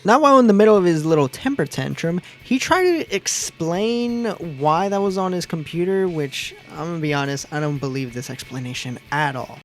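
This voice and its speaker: A man's voice: fairly high pitch, expressive, moderate pace, few pauses, faint music behind. Sarcastic man hosting online news. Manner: laid-back, sarcastic, conversational. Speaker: news commentary host. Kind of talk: casual online news commentary.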